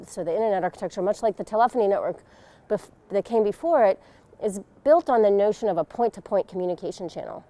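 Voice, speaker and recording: A woman's voice: medium pitch, quick pace, dark tone. A middle-aged woman interviewed outdoors on a lapel mic, explaining a technical subject thoughtfully and with emphasis. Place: outdoors in a leafy garden.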